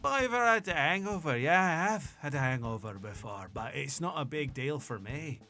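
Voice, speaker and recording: A man's voice: fairly high pitch, expressive, moderate pace, sharp tone, faint music behind. A man voicing a blunt female half-orc blacksmith with a put-on Cockney accent and curt, brusque talk. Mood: gruff.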